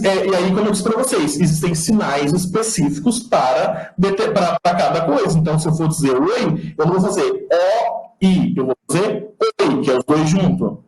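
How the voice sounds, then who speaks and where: In an online lecture, a man with a Brazilian Portuguese accent patiently walks through the sign alphabet step by step, demonstrating as he talks. His voice is fairly high and darkish in tone. The recording is rough and the room echoes.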